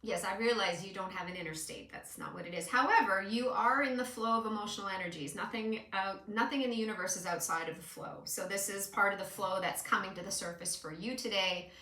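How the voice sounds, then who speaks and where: A woman's voice: mid-range voice, brisk, hardly any pauses, sharp tone. A woman hosting a card reading in casual conversation, instructive and often checking that the listener agrees. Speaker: host giving a card reading. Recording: echoey room, distant mic.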